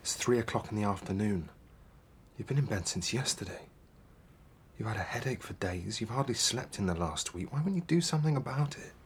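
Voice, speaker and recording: A man's voice: lowish voice, lively intonation, brisk, a little hiss or hum, natural voice. A man playing a worried, wisecracking fiancé. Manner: anxious, dry teasing. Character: worried, teasing young fiancé.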